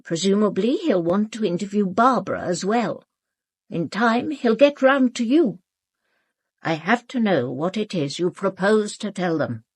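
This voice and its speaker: In a British radio drama, a woman plays an imperious, sharp-witted elderly aristocrat, using an upper-class English accent and a formal, cutting, controlled delivery. She sounds older, cool, and insistent, with a mid-range, animated voice, an unhurried pace, and a breathy edge. The recording is dry.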